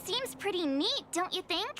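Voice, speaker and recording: A woman's voice: very high-pitched, animated, drawn-out words, a crowd in the background, heavily acted. A woman voicing an upbeat young female adventuring companion in a video game, cheerful and eager.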